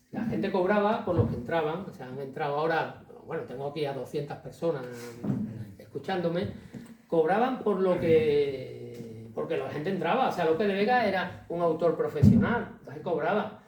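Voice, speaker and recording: A man with a Spanish accent from Spain giving an animated, colloquial talk to an audience, reciting verse and tossing in tag questions. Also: on the high side, a little slow. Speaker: author giving a public talk. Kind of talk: lively informal lecture. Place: hall with a large audience. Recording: echoey hall, distant mic, faint noise.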